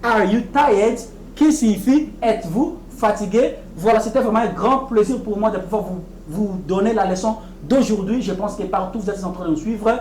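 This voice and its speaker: A woman giving a televised English lesson, explaining patiently and repeating each English phrase slowly and deliberately. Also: mid-range voice, a little mellow, roomy sound, slight background noise, rough recording. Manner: explains patiently, often checking with "ok?". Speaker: English teacher.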